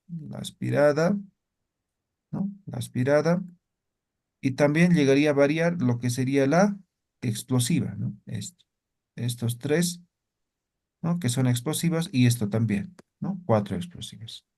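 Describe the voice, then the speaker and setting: A man's voice: a little high, creaky, a little mellow. Patient man teaching with constant check-ins. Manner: explains patiently, repeats words and asks "¿no?" and "¿ya?" after most phrases. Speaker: language teacher. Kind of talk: spoken language lesson.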